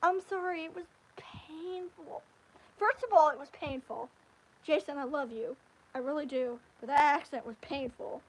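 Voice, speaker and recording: A woman hosting a casual livestream, chatting about anime in a rambling, animated way. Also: high-pitched, normal speed, poor audio. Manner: rambling, animated, with frequent restarts and fillers. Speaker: livestream host. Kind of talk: casual anime review chat.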